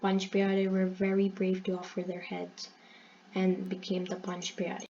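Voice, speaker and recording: A woman retells a religious story in an earnest, explanatory voice of ordinary pitch, often stopping to correct herself. The recording sounds dull and lo-fi, with a faint hiss behind her. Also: completely flat delivery, unhurried, vocal fry, mellow. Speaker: channel host.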